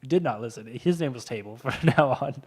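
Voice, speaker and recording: Young guy podcast cohost, rambly, laughs a lot, middle-pitched voice. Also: fairly quick, husky. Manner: laughs often, rambling storytelling. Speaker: podcast co-host. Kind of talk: casual chat.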